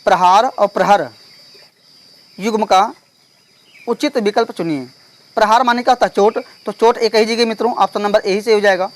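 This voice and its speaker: A male teacher solving an exam paper step by step. He reads each question slowly and keeps checking in with the class. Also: high-pitched. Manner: explains step by step, reads questions slowly, repeats "theek hai". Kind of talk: exam paper walkthrough lesson.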